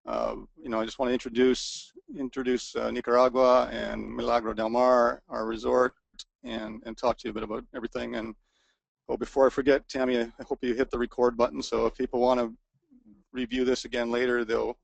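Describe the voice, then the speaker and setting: A resort co-owner gives an informal sales webinar, hesitating through many restarts and fillers and making self-deprecating remarks as his voice wears out. He sounds gravelly and mid-pitched. The computer-mic recording is dry, close and dull, with no room sound.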